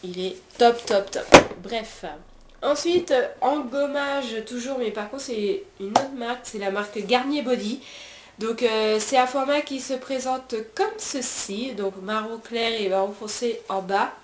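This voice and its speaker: A woman's voice: a little high, unhurried. Chatty French woman in an echoey room. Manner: chatty, many fillers and restarts. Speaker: beauty vlogger. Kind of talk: casual product review. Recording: roomy echo, faint background hiss.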